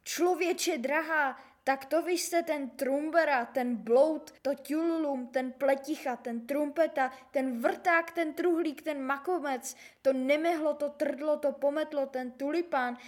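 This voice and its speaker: A woman's voice: high voice, fairly even intonation, hardly any pauses, lightly acted. A woman voicing a kind, chatty middle-aged male postman in a storybook reading, polite and eager, rattling off teasing insults. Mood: delighted. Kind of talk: storybook character voice.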